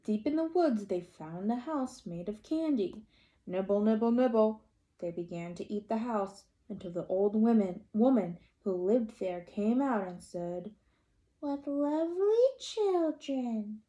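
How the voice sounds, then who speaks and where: A woman storyteller reads a picture book aloud at a measured pace in a medium-pitched voice. She is expressive and turns to young listeners with questions along the way.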